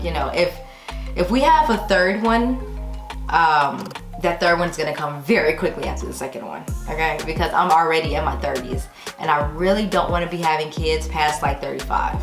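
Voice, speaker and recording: Chatting casually with her viewers in a question-and-answer to camera, this Texan YouTube vlogger in her thirties sounds conversational, tossing in playfully emphatic asides. Her deep voice comes through a roomy echo, with music playing behind.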